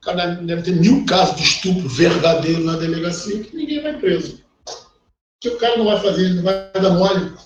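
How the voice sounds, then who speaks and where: Blunt, animated Brazilian law professor. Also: male voice, sits high, moderate pace, distant mic. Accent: Brazilian Portuguese. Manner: blunt and animated, acts out quoted voices. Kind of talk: recorded online lecture, conversational. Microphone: online class call. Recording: dull, echoey audio with faint noise.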